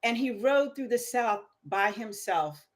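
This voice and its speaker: Woman, middle-aged, interview guest, animated storyteller. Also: on the high side, unhurried. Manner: lively storyteller, voice rises with excitement.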